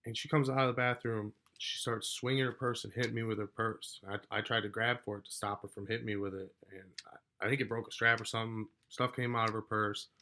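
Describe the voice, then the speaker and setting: A man telling a story from his own life in a casual, rambling way, swearing often and getting loud as he relives an argument. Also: fairly low pitch, fairly even intonation, a little fast. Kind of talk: casual personal account.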